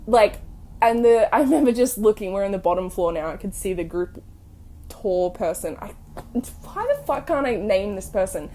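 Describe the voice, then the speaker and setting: A woman's voice: mid-range voice, normal speed, a little hiss or hum. Young woman telling spooky stories animatedly. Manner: animated, swears freely, many fillers. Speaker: podcast host. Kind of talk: casual storytelling podcast.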